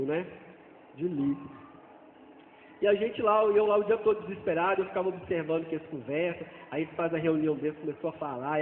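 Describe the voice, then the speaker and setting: A man, a father, gives an earnest personal testimony in church, talking haltingly and repeating phrases as he goes. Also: high voice, slight background noise. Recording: tinny, echoey hall sound.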